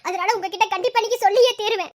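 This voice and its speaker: A woman's voice: very high-pitched, rapid-fire. A woman voicing a resentful young wife who gives cold, accusing retorts in a cartoon story.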